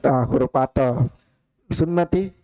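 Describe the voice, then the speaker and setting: Slow, mellow teacher. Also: male voice, medium pitch, a little hiss or hum, poor audio. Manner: calls on students by name, quizzing and teasing. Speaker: teacher of Arabic grammar. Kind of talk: classroom Q&A on Arabic grammar. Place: mosque study hall.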